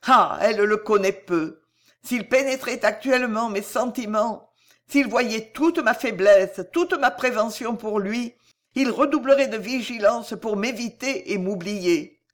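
A woman's voice: on the high side, a little slow, natural voice. A woman reading an audiobook and voicing a virtuous, emotional young woman who speaks earnestly and with restraint. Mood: brooding. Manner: earnest and restrained, then brooding.

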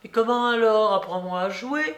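A man voicing an imperious, quick-tempered rich old grandmother in an audiobook reading, shrill and scolding as she barks orders. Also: expressive, fairly bright tone. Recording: roomy echo.

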